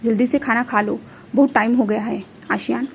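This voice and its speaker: A woman reading the part of a gentle, caring older sister in a fan story. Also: fairly high pitch, steady tone, a little fast, vocal fry, slight background noise.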